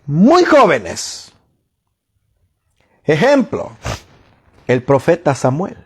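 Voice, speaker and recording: A man delivers a sermon in a high-pitched voice. He speaks slowly and with emphasis, stretching his phrases. He poses rhetorical questions to his listeners and answers them himself. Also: wildly swooping pitch, husky. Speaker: preacher.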